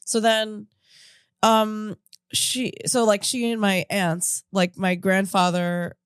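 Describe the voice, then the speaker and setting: Smooth, mid-range and flat, this woman's voice takes things slowly in a clean studio recording without echo. She's a thirtysomething comedian raised in Japan, chatting on a podcast in-studio, with stories that ramble, interrupt themselves, and break into frequent laughter.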